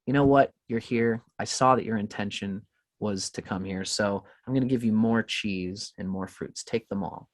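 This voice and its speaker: A man's voice: lowish voice, moderate pace, lightly acted. A man voicing a kind market woman inside a story he tells, reassuring and generous.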